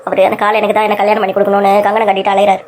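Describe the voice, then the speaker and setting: A woman's voice: mid-range voice, monotone, very fast, slight background noise, lightly acted. A woman voicing a tearful, pleading young woman who wants to keep studying, in a cartoon story.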